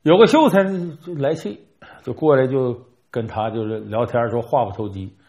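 A man telling a comic folk tale in an animated, jokey way, acting out the characters' dialogue. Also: mid-range voice, moderate pace, lo-fi sound. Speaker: storyteller.

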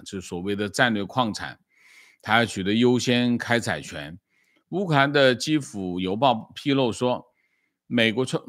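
A man giving spoken news commentary, with frequent drawn-out "ah" fillers and small self-corrections. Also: mid-range voice, a bit bright, no room sound, clean studio sound.

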